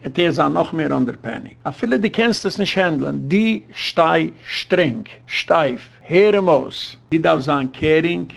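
A man's voice: on the high side, gravelly. A man speaking as a rabbi, giving an earnest lecture full of advice, with English words mixed into his speech.

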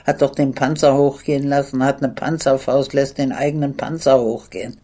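A blood-smeared lieutenant hisses and then rushes out his curses, as an older woman reading her memoir puts him on. The voice is dark and low, with a clipped, furious edge. It belongs to a spoken audiobook. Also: steady tone. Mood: enraged.

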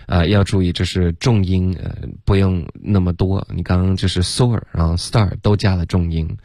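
A man with a deep, low voice works as a pronunciation coach. He corrects sounds patiently and repeats them slowly as models. The recording is dry and close. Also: fairly even intonation, dark tone, no room sound. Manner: mixes English words into explanations.

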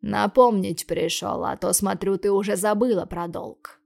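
A woman's voice: fairly even intonation, creaky, darkish tone. Woman doing a sneering thug debt collector. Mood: menacing sneer. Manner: slow, low, taunting. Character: crude menacing male debt collector, sneering.

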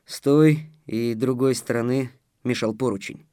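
A man narrating an audiobook in a measured, expressive way. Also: mid-range voice, no room sound, studio quality. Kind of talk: scripted narration.

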